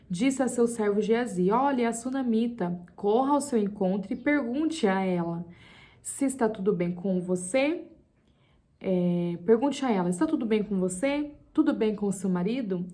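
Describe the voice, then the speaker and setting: A woman's voice: mid-range voice, darkish tone. A young woman giving a casual Bible study to camera, reading scripture aloud and commenting on it with chatty emphasis. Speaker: Bible teacher on video.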